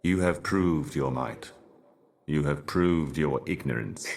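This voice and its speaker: An actor playing a solemn otherworldly herald of cosmic horrors in a video game, speaking in an ominous, grandiose and cryptic theatrical manner. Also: male voice, very deep voice, animated, slow, gravelly, darkish tone, a little hiss or hum, heavily acted. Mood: stern warning. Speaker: game character, messenger and guardian.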